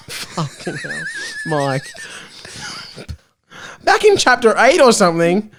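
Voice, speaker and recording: Here the host's voice is high and swoops wildly in pitch, and he takes things slowly against a noisy background. He's hosting a laid-back comedy podcast, reading his own old fan fiction in a self-mocking tone and frequently cracking up.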